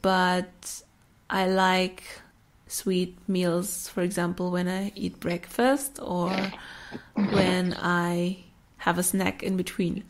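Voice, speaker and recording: Slow, easygoing woman who laughs a lot. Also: fairly low pitch, steady tone. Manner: slow, chatty, laughs often mid-sentence. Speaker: podcast host. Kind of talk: casual chat.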